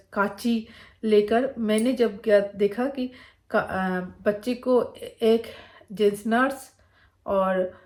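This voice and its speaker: A woman vlogger from Bengal, India, speaking with a Bengali accent, tells a personal story casually and ramblingly, full of fillers and restarts. Her voice is mid-range with a dark tone.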